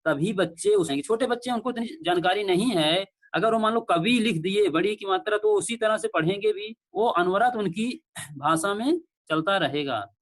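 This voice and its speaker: Male lecturer on an online call, high voice, patient and repetitive, checks that students can hear. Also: animated, fairly bright tone. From India. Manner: explains slowly with repeated examples. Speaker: teacher. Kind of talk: online class lecture on pronunciation.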